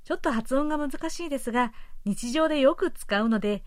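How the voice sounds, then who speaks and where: A woman's voice: high voice, fairly quick, no echo. A woman radio host explaining words in a friendly, patient way, with light laughs, speaking into a studio microphone.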